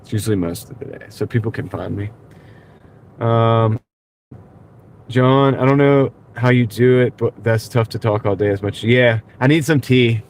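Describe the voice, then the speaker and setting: At night in his car, a man livestreams and chats loosely with his audience, reading their comments out and frequently chuckling. His congested voice is nasal, slightly rough, medium-pitched, and moderately paced. A wireless clip-on mic picks him up along with slight background noise.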